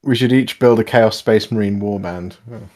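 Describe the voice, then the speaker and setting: A man chatting as a guest on a hobby livestream, relaxed and agreeable. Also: lowish voice, moderate pace. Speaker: guest host. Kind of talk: casual hobby chat livestream.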